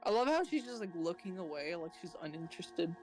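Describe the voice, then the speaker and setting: High-pitched man chatting over a game. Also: sing-song, a little fast, rough recording. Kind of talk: casual gaming chat. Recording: game music behind the voice.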